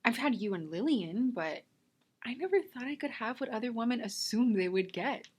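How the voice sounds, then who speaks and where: Her voice a little high, animated, slightly mellow and husky, a woman performs a self-taped drama scene. She portrays a wistful, defensive woman approaching thirty, delivering the lines earnestly with emotional pauses.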